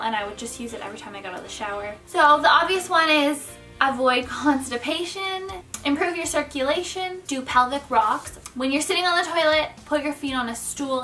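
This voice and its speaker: Bright high-voiced young woman vlogging. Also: recorded from a distance. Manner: chatty, often corrects herself mid-sentence. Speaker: vlog host. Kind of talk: casual advice vlog.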